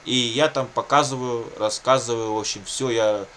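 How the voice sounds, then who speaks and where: Speaking with a normal pace and fairly even intonation, this medium-pitched, slightly bright male voice comes over a little hiss or hum. He's a video blogger whose first language is Russian, describing his own circumstances off the cuff and circling back over his points in a repetitive, catchphrase-heavy colloquial style.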